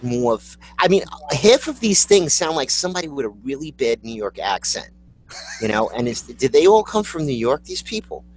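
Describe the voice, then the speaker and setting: A man co-hosting a casual chat, wry and halting, with many fillers. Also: fairly high pitch, big pitch swings, slight background noise, rough recording. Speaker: co-host.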